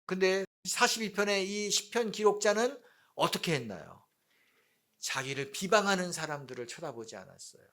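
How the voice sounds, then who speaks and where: Animated Busan pastor preaching a sermon. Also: male voice, high voice, normal speed. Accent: Busan Gyeongsang. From South Korea. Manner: reads scripture aloud and acts out mocking voices of accusers; asks the congregation questions and answers them.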